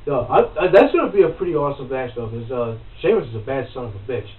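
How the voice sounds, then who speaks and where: A man hosting a casual wrestling podcast, animated and quick to swear as he gets worked up. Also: mid-range voice. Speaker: podcast host. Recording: roomy, distant, phone-like, faint noise.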